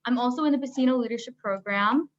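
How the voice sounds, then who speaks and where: A woman's voice: on the high side, quick pace. A young adult woman, a student, introducing herself informally while speaking through a face mask. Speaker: student panelist. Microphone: video call. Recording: dull lo-fi video-call audio.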